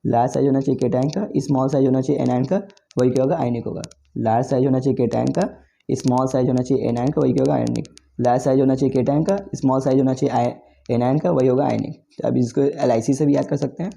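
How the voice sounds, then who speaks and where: Fast gravelly chemistry tutor. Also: male voice, mid-range voice, steady tone, warm tone. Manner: repetitive, self-correcting explanation with frequent 'theek' and 'okay'. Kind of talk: exam-prep lecture.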